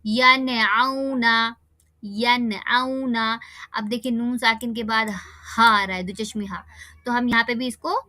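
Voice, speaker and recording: A woman teaching children Quran recitation rules in an online class, patiently checking if they follow and slowly sounding out examples. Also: a little high, sharp tone, dry recording, clean studio sound. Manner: patient, checks understanding with "theek hai?".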